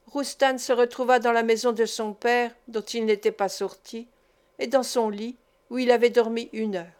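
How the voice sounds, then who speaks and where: A woman reading a philosophical tale aloud as an audiobook, in a measured, even storytelling manner. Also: fairly high pitch. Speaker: audiobook reader. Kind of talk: literary audiobook narration.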